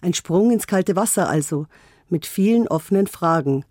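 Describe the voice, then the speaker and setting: A woman narrating a scripted radio report in an even, formal manner. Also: on the low side, moderate pace, dry recording, studio quality.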